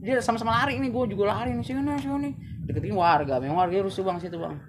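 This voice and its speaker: A young man, a guest telling a story in a casual interview, animated and full of street slang. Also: high-pitched, very fast, noisy background. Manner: animated slangy storytelling, acts out quoted voices.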